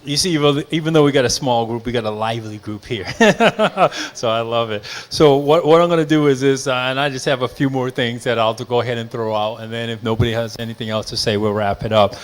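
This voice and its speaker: A man's voice: mid-range voice, fairly quick, hardly any pauses. Pastor guy wrapping up a small church class, easygoing mid voice. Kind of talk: church teaching session.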